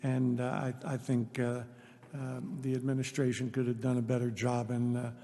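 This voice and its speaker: A man speaking as a city councilman at a meeting, hesitant and halting with many fillers. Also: mid-range voice, monotone, mellow, soft background music. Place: large council chamber. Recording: echoey council chamber with faint noise.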